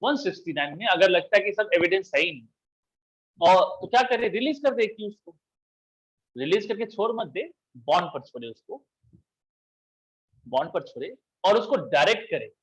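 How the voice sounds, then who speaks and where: A man's voice: high-pitched, sing-song, normal speed, long pauses, breathy edge, dull audio. A man teaching law to a class, explaining step by step and asking and answering his own questions. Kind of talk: classroom lecture.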